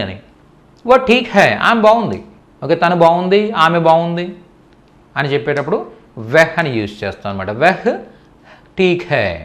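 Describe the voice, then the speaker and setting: A man giving a spoken language lesson in a fairly high, very lively voice that climbs and dips a lot. He explains patiently, says each word more than once and keeps checking that his listeners follow. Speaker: Hindi teacher.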